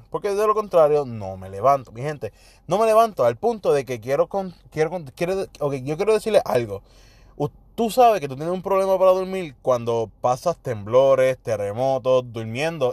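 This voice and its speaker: A young Puerto Rican man casually telling personal stories, animated, slipping English slang into his Spanish and acting out what people said. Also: mid-range voice, no room sound. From Puerto Rico. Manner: animated, mixes English slang, acts out quotes. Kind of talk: casual storytelling monologue.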